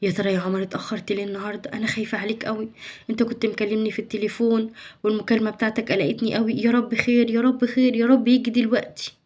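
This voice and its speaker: A young woman with an Egyptian accent playing a worried, devoted mother in a home-made family sketch, speaking in a hushed, reassuring way. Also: a little high, rapid-fire, close to an everyday voice. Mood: worried murmur. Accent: Egyptian Arabic.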